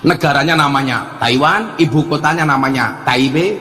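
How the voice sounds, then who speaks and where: A man's voice: a little high, normal speed, sharp tone. A man with a Javanese accent giving a humorous religious lecture, telling stories with acted-out dialogue and bursts of song. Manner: jokey storytelling, acts out dialogue, breaks into song. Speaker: preacher. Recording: echoey hall with music behind.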